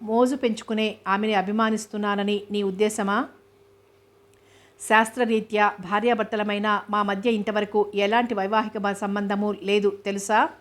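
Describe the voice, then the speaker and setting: Grave, firm husband in a storybook reading, read by a woman, flat delivery. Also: medium pitch, natural voice. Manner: calm, measured, firm. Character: grave, steady Indian husband, a man. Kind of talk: audiobook novel reading.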